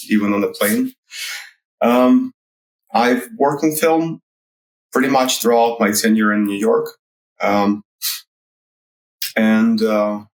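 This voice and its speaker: Low-voiced male guest from Russia, slow and halting, dry wit, echoey room. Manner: slow, hesitant, with many fillers and dry humor. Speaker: guest, writer. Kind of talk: casual interview talk. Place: Toronto.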